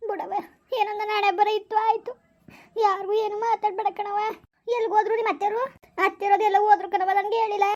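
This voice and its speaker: A young village wife, played by a woman, speaks quietly and accepts her fate. The voice is very high. This is a homemade village family drama. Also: little pitch movement, fast, highs cut off. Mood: resigned. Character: young pregnant village wife, resigned and gentle.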